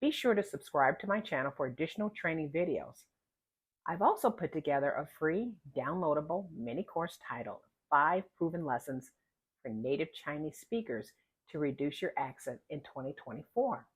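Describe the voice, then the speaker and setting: Female pronunciation coach: unhurried, lively intonation, slightly husky, with exaggerated, deliberate articulation for drills. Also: low-pitched, rough recording. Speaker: pronunciation teacher. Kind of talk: instructional pronunciation lesson.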